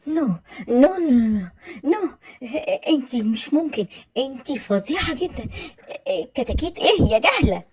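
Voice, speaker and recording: A woman's voice: high-pitched, lively intonation, moderate pace, long pauses, darkish tone, dry recording. An actress playing a snobbish, etiquette-obsessed mother-in-law with an Egyptian accent, mixing in English words. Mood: haughty. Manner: affected, sprinkles English words.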